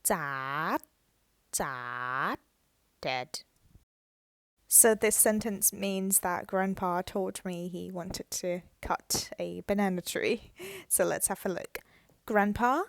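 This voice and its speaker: Speaking at a medium pitch, a woman guides listeners through a language lesson at a slow, deliberate pace. She breaks things down patiently one step at a time and repeats words for practice, and the recording carries no room sound.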